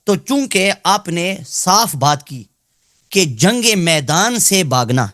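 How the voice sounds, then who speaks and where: A man debating as a guest cleric, laying out his position deliberately and checking agreement after each point. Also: sits high, sing-song, a bit bright, dry recording, clean studio sound. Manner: deliberate, repeats "theek hai?" to check agreement. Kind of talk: heated live debate.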